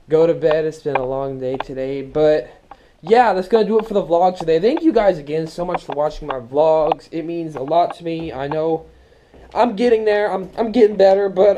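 A man's voice: fairly high pitch, background noise. A young man hosting a casual vlog, upbeat and self-mocking, talking to his viewers. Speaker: vlogger host. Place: car and apartment hallway. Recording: music playing behind.

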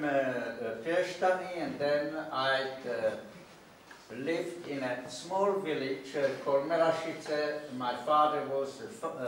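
A man's voice: on the high side, fairly bright tone, distant mic, slight background noise. Older man lecturing in an echoey hall. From Slovakia. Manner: halting, many filler pauses. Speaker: guest speaker. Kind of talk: public lecture. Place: school hall. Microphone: stand mic, recorded from far camera.

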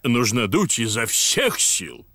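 A man's voice: mid-range voice, big pitch swings, takes it slowly, bright, forceful tone, no room sound, clean studio sound, heavily acted. A man voicing a jolly, boastful grown-up daddy pig in a children's cartoon dub, hearty and self-satisfied.

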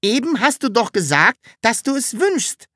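A woman voicing a cheeky, stubborn, childlike magical creature in an audiobook, with a high, bright voice and an insistent, excitable way of talking. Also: normal speed, dry recording, studio quality. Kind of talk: audiobook character reading.

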